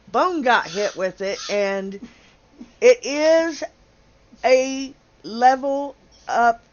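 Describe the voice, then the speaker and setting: A woman's voice: on the high side, highs cut off. A woman hosting a casual game livestream, chatty, laughing often and tripping over names. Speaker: livestream host.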